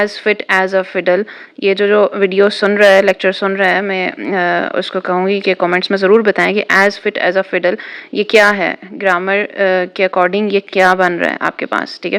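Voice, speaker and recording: A woman teaching a school lesson, patient and repetitive, who reads example sentences out slowly and deliberately. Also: mid-range voice, a bit bright, clear, resonant tone. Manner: patient, repetitive, keeps saying "okay". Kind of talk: exam-prep lesson explaining idioms.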